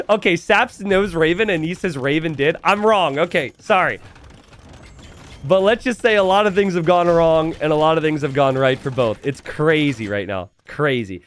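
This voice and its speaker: A man giving live, casual and joking video game commentary to a stream, prone to excitable, repeated exclamations. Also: a little high, a little hiss or hum. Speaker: esports commentator. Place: indoors at a computer.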